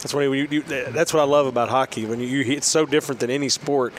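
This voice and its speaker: A man's voice: mid-range voice, steady tone, fast. Male sports-talk panelist, conversational and given to quoting, some street noise around him. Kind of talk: casual sports chat.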